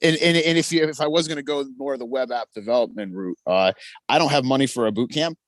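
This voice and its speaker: A man's voice: medium pitch, quick pace, no echo. A man in his forties calling in over a video call, chatting casually, hesitant and often stammering and repeating himself. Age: 40s. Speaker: caller. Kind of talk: casual chat.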